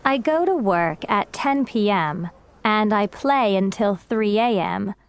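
A woman voicing a young woman answering a street interview in scripted textbook audio, with plain, even delivery. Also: mid-range voice, natural voice.

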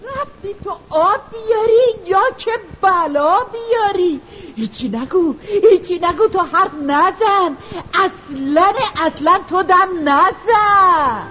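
A panicked mother, voiced by a woman, wails and scolds in rhyming lines for a children's storybook drama. Her voice is high and leaps about. The sound is dull and lo-fi, with faint music behind. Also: expressive, hardly any pauses, warm tone. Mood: scolding. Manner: wailing and scolding in rhyme. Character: frightened mother, shrill and scolding. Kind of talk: rhymed children's audio drama.

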